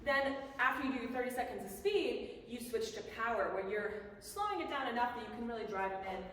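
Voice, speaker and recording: A woman's voice: fairly high pitch, animated, fairly quick. A woman giving casual, conversational instruction as a boxing coach. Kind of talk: instructional talk on bag drills. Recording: echoey hall, distant mic, faint noise.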